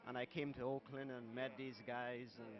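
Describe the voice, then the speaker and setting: A man's voice: mid-range voice, level tone, moderate pace, crowd noise. A man from Trinidad, a guitar teacher, giving brief, easygoing answers to an interviewer. His voice comes from a little way off the mic. The sound is muffled and lo-fi. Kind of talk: casual interview. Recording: muffled lo-fi, from a distance.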